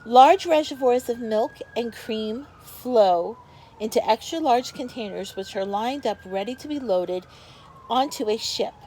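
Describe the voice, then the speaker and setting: A teacher with a fairly high voice reads a picture book aloud to her young pupils, a little slowly and with plenty of expression. She pauses the story now and then to explain things to the children. The audio is poor, with noticeable background noise behind her.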